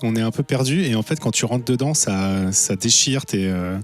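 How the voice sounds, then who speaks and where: A man's voice: lowish voice, moderate pace, faint music behind. A man reviewing comics on a podcast, casual and slangy, enthusiastic and repeating words. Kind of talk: casual chat.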